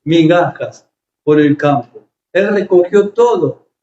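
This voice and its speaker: A man's voice: a little high, slow pace, mellow, a little hiss or hum. A man preaching a sermon, telling stories with emotion and frequent hesitations. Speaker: pastor. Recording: echoey, slightly dull room recording.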